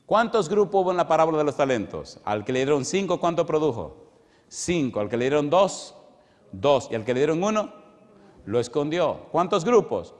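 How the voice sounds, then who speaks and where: A male pastor giving an animated sermon in a church, often throwing questions at the congregation. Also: on the high side, moderate pace. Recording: long reverb in a large hall.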